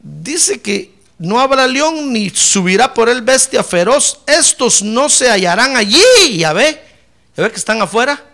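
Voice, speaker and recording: A man preaching a fiery sermon in church, dropping to low asides and then rising to shouted praise. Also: expressive, a little slow, vocal fry. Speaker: pastor.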